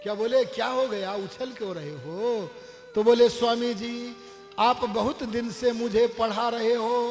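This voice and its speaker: High-voiced male preacher in a reverberant hall. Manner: animated, questions the audience and acts out dialogue. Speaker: Arya Samaj preacher. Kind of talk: storytelling sermon. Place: large hall at a ceremony.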